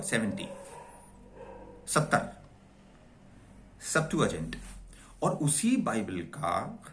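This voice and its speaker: A man teaching a bilingual lecture, explaining slowly, spelling out words and repeating key terms. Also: medium pitch. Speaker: English teacher.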